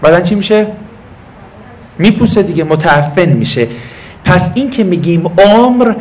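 A man giving a classroom lecture on scripture, patiently explaining terms and asking and answering his own questions while talking to students. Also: sits high. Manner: talks to students present. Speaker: religious teacher.

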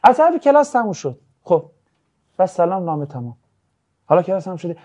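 A man teaching a religious ethics class, lecturing casually and acting out anecdotes with jokes. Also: sits high. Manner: lively, jokey, acts out anecdotes.

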